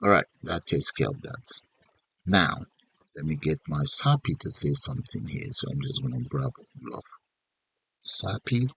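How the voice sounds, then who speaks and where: A deep-voiced man walks through a programming tutorial. He speaks slowly and thinks aloud in short fragments, with a husky edge to his voice. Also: very animated, a bit bright, no echo. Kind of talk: unscripted step-by-step screen tutorial narration.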